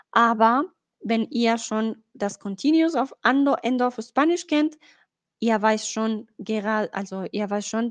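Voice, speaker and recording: A woman's voice: a little high, dry recording. A woman teaching a language on a live stream, patiently explaining and moving between Spanish, English and German, checking in often with her viewers.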